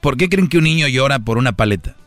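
A man hosts a radio comedy show, rambling through relationship advice in heavy slang and talking straight to his listeners. His voice sits at a middle pitch, and the sound is dry and close. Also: animated, fast talker, a bit bright, no echo, faint music behind.

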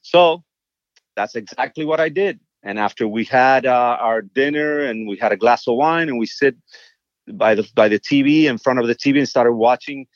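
A man with a mid-range voice tells a songwriter's stories in a relaxed interview, animated and prone to repeating words when excited. The sound is dry and a little dull, with no room around it. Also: mid-range voice, moderate pace, dry recording. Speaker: songwriter and guest. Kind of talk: casual interview storytelling.

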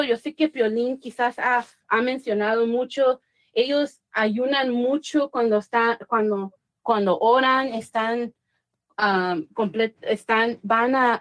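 Woman, higher pitch, dry recording, chatty storytelling, many restarts. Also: no room sound. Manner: mixes English words into Spanish, many restarts. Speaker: guest. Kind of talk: casual storytelling interview.

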